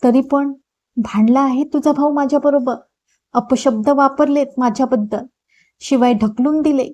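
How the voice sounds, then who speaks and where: A woman's voice: high voice, steady tone, normal speed, a little mellow, voice pushed up, natural voice. A woman voicing a hurt, tearful young woman in an audiobook novel. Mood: upset. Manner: sorrowful, complaining.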